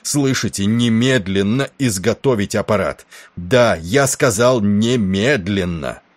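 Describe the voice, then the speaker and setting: A man's voice: lowish voice, lively intonation, normal speed, no echo, pitched above the performer's own voice. A man voicing a furious middle-aged naval first officer who barks orders and curses. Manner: shouting, barking orders.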